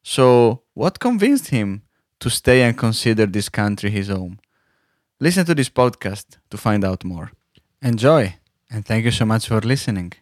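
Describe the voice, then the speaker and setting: A man's voice: on the low side, very animated, moderate pace, dry recording, clean studio sound. A man hosting a podcast interview who reads a short intro and then asks questions in a hesitant way, often restarting his phrases. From outside Slovakia. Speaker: podcast host.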